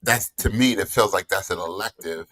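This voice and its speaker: Bright-voiced veteran man, casual. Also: sits low, moderate pace. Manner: conversational, hedging with frequent fillers. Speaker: veteran panelist. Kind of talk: casual panel discussion.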